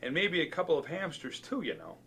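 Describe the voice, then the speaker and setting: An earnest grown man who works as a school custodian, pouring his heart out with eager hope, as a man reading a storybook puts him on. His voice is bright and a little tense, set slightly high. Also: sing-song, brisk, creaky, breathy edge, heavily acted.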